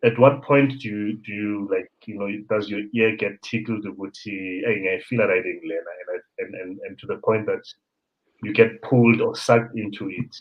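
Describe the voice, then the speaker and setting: Low-voiced South African host, lo-fi. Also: male voice, normal speed. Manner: animated storyteller, mixes in local words. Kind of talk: casual conversation. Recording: dull lo-fi sound.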